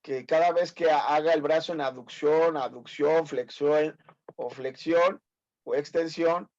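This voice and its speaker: A man's voice: on the high side, steady tone, unhurried, dull audio. A man in his fifties with a Mexican accent, teaching a medical class online, teasing and quizzing his students. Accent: Mexican Spanish. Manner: teasing, corrects students, asks many quiz questions.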